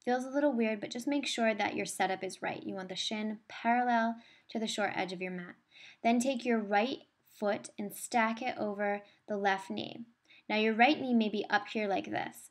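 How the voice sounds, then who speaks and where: Female yoga instructor, mid-pitched voice, soothing and encouraging delivery for guided movement and breathing. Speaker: yoga teacher.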